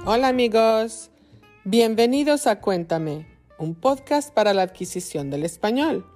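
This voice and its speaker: Slow, lively Mexican woman host. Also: a little high, faint music behind. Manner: slow, clearly spoken, lively intonation. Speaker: podcast host. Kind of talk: slow scripted lesson for Spanish learners.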